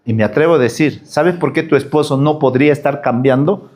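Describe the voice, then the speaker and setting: A man's voice: fairly high pitch, a little fast, darkish tone. A man preaching a sermon as pastor, full of rhetorical questions.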